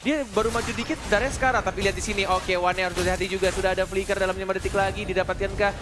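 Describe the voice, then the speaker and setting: High-pitched, excited Indonesian male esports announcer. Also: noisy background. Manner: excited, exclaiming, drawn-out calls. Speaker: esports shoutcaster. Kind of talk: live play-by-play game commentary, like a fighting game announcer. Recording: game music behind the voice.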